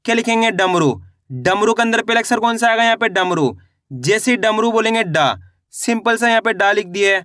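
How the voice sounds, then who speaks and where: A man's voice: high voice, pushed and bright, no echo, studio quality. A man teaching beginners to read Hindi, sounding out each syllable and then blending them into a word, asking himself how to read it and answering, and calling his viewers friends. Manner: asks and answers his own questions. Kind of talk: slow, step-by-step spelling lesson.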